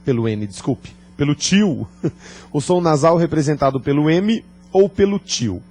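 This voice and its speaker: Slow, mellow-voiced teacher. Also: male voice, on the high side, expressive, faint music behind. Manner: deliberate, playful, jokes and quizzes the class. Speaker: Portuguese teacher. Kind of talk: classroom grammar lecture.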